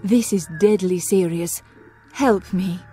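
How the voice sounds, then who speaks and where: A woman's voice: on the low side, slow pace, dark tone, faint music behind. A woman voicing a bold, determined female spy in an adventure game, with a poised, theatrical delivery. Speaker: game heroine.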